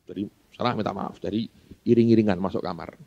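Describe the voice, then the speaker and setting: A man's voice: lowish voice, fairly even intonation, quick pace, vocal fry. A male pastor telling a story in a sermon, chatting with the congregation and acting out both sides of a back-and-forth dialogue. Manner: conversational, keeps addressing the congregation as "saudara"; acts out both sides of a dialogue in a question-and-answer rhythm. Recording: dull lo-fi sermon recording.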